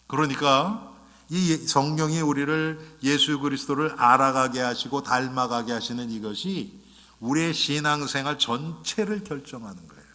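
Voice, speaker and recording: A male pastor preaching a sermon, animated and questioning, often speaking straight to the congregation and acting out quotes. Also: medium pitch. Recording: long reverb of a church hall.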